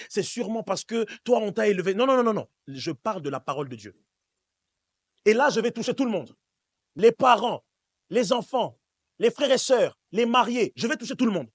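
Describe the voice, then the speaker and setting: A high-pitched male voice with no echo belongs to a pastor from Switzerland. During a church service he preaches emphatically and repetitively to his congregation, addressing them directly in a call-and-response sermon.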